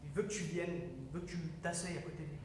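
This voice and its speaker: An actor playing an insistent young go-between in a live stage play, repeating demands in a plain, firm way. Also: male voice, on the high side, fairly even intonation, quick pace, natural voice. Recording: echoey hall from far off, faint hiss.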